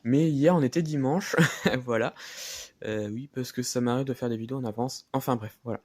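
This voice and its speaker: A man chats casually through a hobby vlog, halting often and restarting his sentences. His voice is mellow and mid-pitched. It sounds close to the mic and dry, with no room around it. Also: no room sound. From France. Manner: hesitant, many fillers and restarts. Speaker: model car collector.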